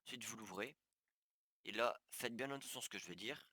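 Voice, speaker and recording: A man's voice: on the low side, brisk, bright, forceful tone, no room sound. A man giving a casual game tutorial, walking viewers through settings step by step with many fillers and restarts. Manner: talks viewers through steps on screen. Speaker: gaming tutorial youtuber. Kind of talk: casual screen-recorded tutorial.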